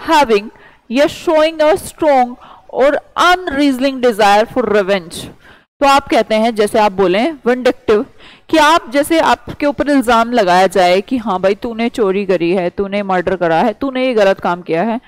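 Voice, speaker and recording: Woman teacher, higher voice, dry close-mic lecture, keeps asking questions and answering them. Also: dry recording, low-quality recording. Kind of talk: vocabulary lecture.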